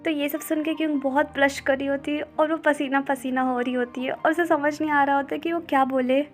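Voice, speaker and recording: A woman with a high voice retells a comic story in a casual, running narration, linking each line with quick "then he says" turns. Soft music runs faintly behind her. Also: steady tone. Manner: brisk retelling with "he says" links.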